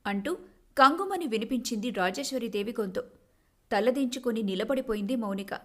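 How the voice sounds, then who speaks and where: A woman storyteller giving scripted, expressive narration of a family story. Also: on the high side, fairly quick.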